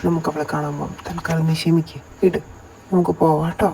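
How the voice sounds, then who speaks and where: A woman voicing a gruff middle-aged mafia husband and father who coaxes and placates his wife. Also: deep voice, flat delivery, a little fast, noisy background, pitched below the performer's own voice. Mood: placating. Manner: coaxing, placating. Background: music.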